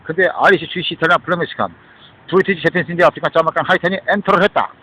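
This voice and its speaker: A man's voice: a little high, rapid-fire, bright, forceful tone, husky, rough recording. A man talking in a rambling monologue, switching between Korean and English and often breaking off with a questioning "huh?". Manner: rambling, mixes Korean and English, keeps asking "어?".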